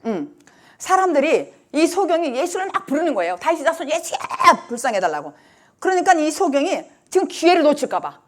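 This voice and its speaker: High, animated woman pastor preaching. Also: a little fast. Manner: emphatic, lively preaching that acts out the blind man's cries. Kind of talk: sermon.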